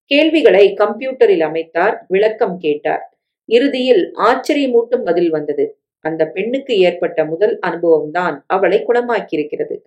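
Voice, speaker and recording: A woman reading a family story aloud in a steady, plain way. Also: medium pitch, moderate pace, dull audio. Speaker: narrator.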